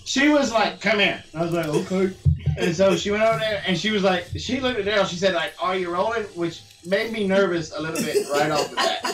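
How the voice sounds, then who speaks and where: Loud, animated guy. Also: sits high, fast talker, few pauses, roomy sound, distant mic, poor audio. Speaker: homesteading channel guest. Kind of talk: casual chat.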